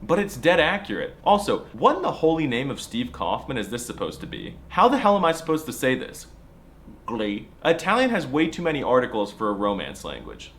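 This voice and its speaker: A man's voice: mid-range voice, huge pitch swings, a little fast, hardly any pauses, fairly bright tone, slight background noise. A man narrating a scripted comedy video with sarcastic, mock-serious jokes. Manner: slips into mock accents.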